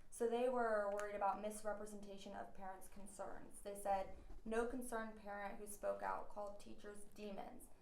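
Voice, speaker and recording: Woman interviewer in a roomy, noisy recording. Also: medium pitch. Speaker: interviewer, reporter. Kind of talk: interview questioning. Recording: roomy echo with background noise.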